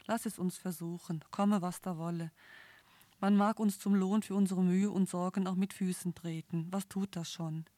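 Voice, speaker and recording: A woman's voice: fairly low pitch, fairly even intonation, moderate pace, dark tone, dry recording, natural voice. A woman reading the part of a poor, proud farmer husband who snaps harshly under pressure. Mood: exasperated. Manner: harsh, exasperated outbursts. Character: desperate poor male farmer, proud and quick-tempered.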